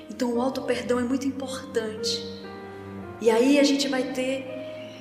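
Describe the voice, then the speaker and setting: A woman giving a spiritist public lecture in a hall, telling a story and acting out its voices. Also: mid-range voice. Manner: storytelling, acts out quoted voices. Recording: echoey hall from far off, faint music.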